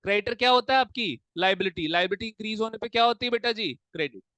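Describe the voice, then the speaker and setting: A man's voice: high-pitched, fast talker, pushed and bright, no echo. A male accounts teacher, mixing Hindi and English while he drills a class with repeated questions. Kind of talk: classroom lesson.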